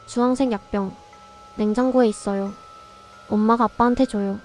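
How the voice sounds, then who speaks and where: A woman's voice: a little high, fairly even intonation, normal speed, a little mellow, soft background music, lightly acted. A woman voicing a small, innocent granddaughter who gives short, simple, guileless answers in a storybook audio drama.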